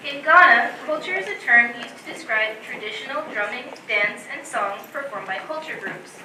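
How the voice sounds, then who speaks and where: Very bright young woman reading aloud. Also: a little high, expressive, normal speed, a little hiss or hum. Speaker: student presenter. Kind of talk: reading a prepared talk. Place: college event room. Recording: roomy echo, distant from mic.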